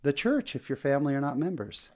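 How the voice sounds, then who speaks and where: A man's voice: mid-range voice, very animated, quick pace, a little mellow. A man hosting a podcast interview in a studio, chatty and enthusiastic, with plenty of fillers. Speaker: podcast host.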